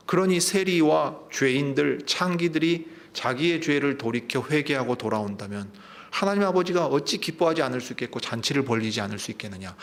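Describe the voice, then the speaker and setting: A man's voice: medium pitch, a bit bright. A man, a pastor, preaching a Sunday sermon, retelling a parable with questions to the congregation. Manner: storytelling preaching with asides to the congregation.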